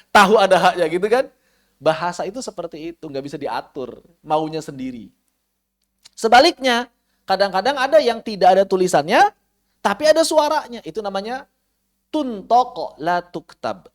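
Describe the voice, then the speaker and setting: A man with an Indonesian accent teaching Quran recitation rules in an online class. He chants the Arabic examples slowly and asks his students questions. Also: on the high side. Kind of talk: online tajwid lesson. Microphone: online class microphone.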